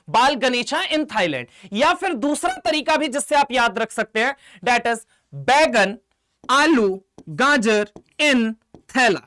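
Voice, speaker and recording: A man with a high voice teaches an online chemistry class. He fires short questions at his students, then slows right down to chant memory tricks line by line. His tone stays warm and coaxing. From India. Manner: affectionate, calls students 'beta' and 'mere laal'. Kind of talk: online exam-prep lecture.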